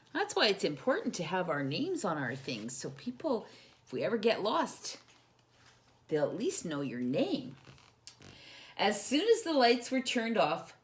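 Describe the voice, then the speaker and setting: A woman with a mid-range voice hosts a children's storytime, reading a picture book expressively. She puts simple questions and explanations to her young listeners.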